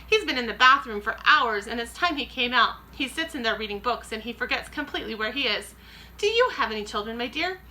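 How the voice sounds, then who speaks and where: A woman reading aloud who voices a calm, loving elderly grandmother with a gentle, cool manner. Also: on the high side, brisk. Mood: cool, polite.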